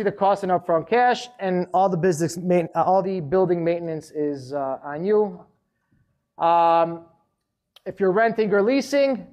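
A man with a notably high voice speaks at a business seminar, direct and emphatic. He is a middle-aged restaurant owner sharing hard lessons in a casual, conversational way. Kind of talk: live seminar talk. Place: conference hall.

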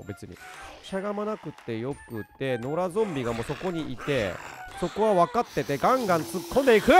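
Male game streamer, high and lively delivery, swings from mumbling to yelping, game music underneath. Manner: animated, talks to himself, jumps from muttering to excited outbursts. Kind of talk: let's play commentary.

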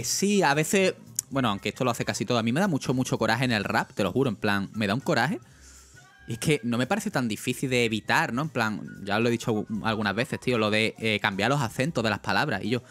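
A young man with a Spanish accent from Spain chats casually on a livestream, rambling with lots of fillers and speaking directly to his chat. His voice is mid-range with a fairly bright tone.

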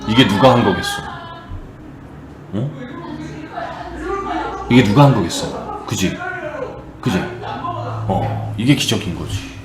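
A man casually retelling a Bible story to a live chat, animated and slipping into character voices. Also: on the low side, slow pace, long pauses, roomy sound, over music.

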